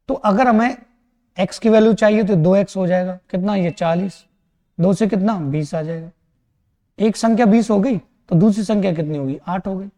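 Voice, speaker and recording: A man with a high voice talks through math problems quickly and reassures his students, often checking that they are following. The sound has a long reverb tail, as if recorded in a big, bare room. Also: mellow. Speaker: math teacher. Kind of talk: exam-prep math lesson.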